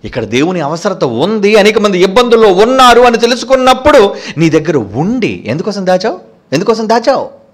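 A man's voice: sits high, very animated, brisk. A man preaching a sermon in a fiery, scolding manner, firing rhetorical questions at his listeners.

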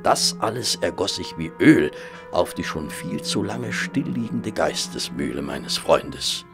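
A man playing a courteous, cautious doctor who narrates and speaks in an audio drama in a measured way. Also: low voice, big pitch swings, vocal fry, music in the background, full character voice. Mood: measured narrating. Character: genteel, cautious male doctor, detective's companion and narrator.

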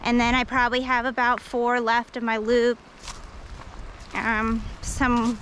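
A woman's voice: a little high, completely flat delivery, a little slow, fairly bright tone, a little hiss or hum, poor audio. A woman hiking alone and talking to an action camera on a forest trail, rambling with lots of fillers and poking fun at herself. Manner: rambling, self-deprecating, many fillers. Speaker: hiking vlogger. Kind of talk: casual vlog narration while hiking.

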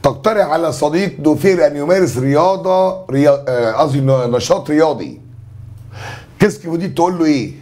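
Egyptian male teacher, rapid and higher-pitched, jokey exam review. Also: darkish tone. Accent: Egyptian Arabic. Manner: chatty, joking, brisk teacher explaining answers. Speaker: French teacher.

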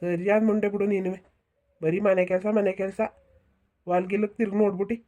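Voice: medium pitch, level tone, a little fast, mellow, muffled recording, natural voice. Someone voicing a grumbling cartoon village husband. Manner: grumbling, hurrying. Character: impatient village husband, middle-aged farmer. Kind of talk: comedy cartoon dubbing.

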